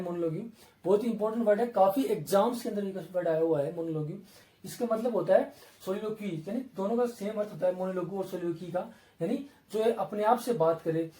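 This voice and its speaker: A man's voice: sits high, dark tone. A man with an Indian English accent teaching an exam-prep vocabulary lesson, repeating terms and asking and answering his own questions. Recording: roomy, from a distance.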